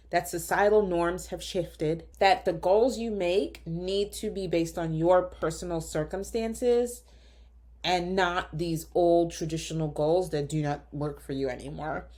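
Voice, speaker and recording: A woman physician hosting a solo podcast, talking earnestly and directly to listeners, slightly hoarse from a lingering cough. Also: fairly low pitch, unhurried, a little mellow. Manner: earnest, coaching, direct address.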